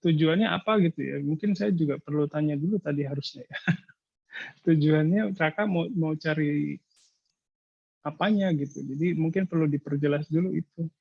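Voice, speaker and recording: A male lecturer giving casual thesis advice in an online seminar, explaining patiently with many hesitant filler pauses. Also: on the high side, vocal fry, breathy edge, no room sound, highs cut off. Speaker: university lecturer.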